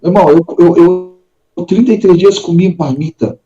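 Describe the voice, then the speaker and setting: Brazilian man, podcast guest, earnest testimony, mellow tone, dull lo-fi recording. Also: high-pitched, normal speed, reverberant. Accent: Brazilian Portuguese. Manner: earnest, acts out dialogue in the story. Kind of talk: personal faith testimony. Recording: dull lo-fi sound.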